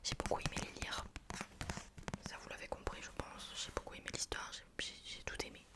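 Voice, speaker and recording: A woman speaks entirely in a hushed library whisper, breathy and unvoiced. Her delivery is informal and chatty, in the style of an ASMR book review. The whisper stays soft throughout. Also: a little fast.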